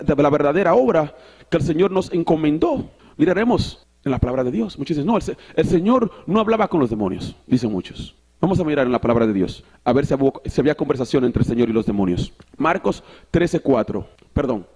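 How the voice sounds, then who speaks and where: A man with a high voice preaches a sermon. He reads the scripture out loud, repeats words and corrects himself, and drops an occasional "so" between his Spanish sentences. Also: breathy edge. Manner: preaching with repetitions and self-corrections, reading scripture aloud. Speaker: pastor.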